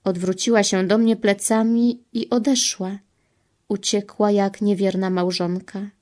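A woman reading the part of Jesus as a grieving, pleading divine man, solemn and measured. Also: mid-range voice, flat delivery, darkish tone, close to an everyday voice. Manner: solemn, sorrowful, slow and measured. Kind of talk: devotional reading.

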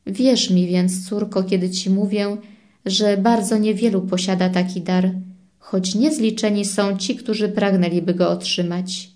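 A woman reading devotional messages aloud in a solemn, measured way. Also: mid-range voice, steady tone, a little mellow.

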